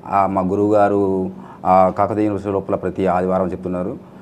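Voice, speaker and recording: A man's voice: low-pitched, monotone, fairly quick, darkish tone, slight background noise. A man, a guest mimicry artist telling his story earnestly in a TV studio interview. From Telangana. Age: 50s. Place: TV news studio.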